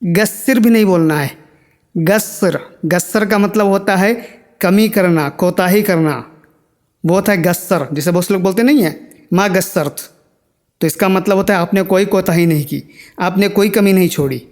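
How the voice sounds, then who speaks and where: A man teaching Arabic words in a language lesson, saying each one slowly and repeating it. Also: high-pitched. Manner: drills words by slow repetition.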